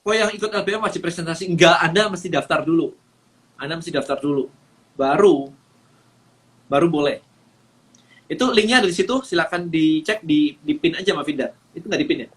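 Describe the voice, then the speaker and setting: A high-pitched man from Indonesia coaches on a live stream. He talks with lots of energy, scattering English phrases and fillers through his points. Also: a little fast, long pauses, fairly bright tone. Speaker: business coach.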